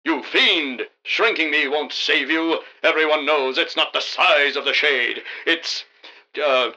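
An actor playing an earnest, bumbling, wisecracking hero in a comic radio drama, melodramatic and mock-heroic. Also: male voice, on the high side, takes it slowly, bright, forceful tone, dull audio, exaggerated voice. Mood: defiant, cocky. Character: earnest, bumbling, wisecracking male masked crime-fighting hero.

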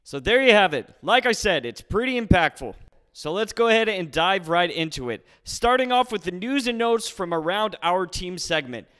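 A man's voice: high-pitched, expressive, moderate pace, fairly bright tone, clean tone. A man hosting a solo sports podcast from a garage, speaking to listeners in an upbeat, announcer-like way through scripted commentary. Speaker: podcast host. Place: recorded in a garage.

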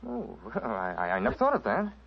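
An actor playing a genial, blasé English aristocrat in exile with an English accent and suave, chatty delivery in an old radio drama. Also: male voice, fairly high pitch, huge pitch swings, fast talker, creaky, breathy edge, heavily acted. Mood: casual, musing. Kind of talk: 1940s radio drama acting. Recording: dull old radio recording.

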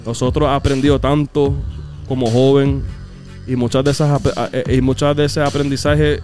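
Guest, thirties; earnest, halting, repeats words; light music bed. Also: male voice, mid-range voice, little pitch movement, darkish tone. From United States. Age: 30s. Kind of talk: casual interview chat.

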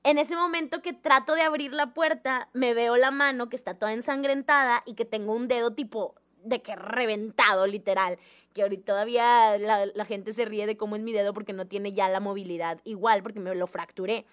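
High-voiced woman telling a story. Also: a little fast. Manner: animated, dramatic, acts out the voices in her story. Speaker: guest telling a personal story. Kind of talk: casual storytelling chat.

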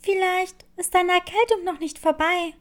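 A woman voicing a kind little girl kitten who speaks gently and caringly, in a children's storybook. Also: very high-pitched, fairly even intonation, moderate pace.

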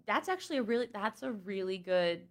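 A woman in her twenties, a podcast guest, chatting casually and telling animated, giggly stories. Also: medium pitch, a little fast. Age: 20s. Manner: animated storyteller, giggly, says "like" a lot. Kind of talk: casual chat.

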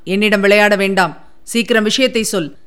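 A woman's voice: mid-range voice, clean tone, lightly acted. A woman voicing an impatient, commanding young prince who presses hard for answers. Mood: angry. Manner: demanding, quick-tempered.

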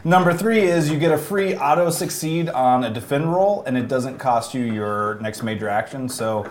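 Male rules explainer, mid-range pitch, casual tabletop talk, roomy echo with faint noise. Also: normal speed.

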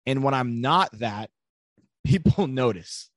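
A man's voice: mid-range voice, animated, slow pace, dry recording, clean studio sound. A young man talking as a podcast guest in casual conversation, earnest and storytelling, with many filler words.

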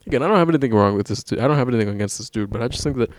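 A man's voice: mid-range voice, lively intonation, rapid-fire, no echo, clean studio sound. A young man chatting casually on a podcast, rambling and swearing often, with frequent laughs. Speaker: podcast co-host. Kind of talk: casual chat.

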